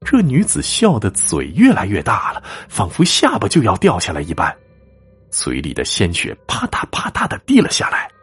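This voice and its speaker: A man narrating a ghost story theatrically, swinging from hushed to alarmed. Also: on the low side, huge pitch swings, moderate pace, slightly rough, soft background music.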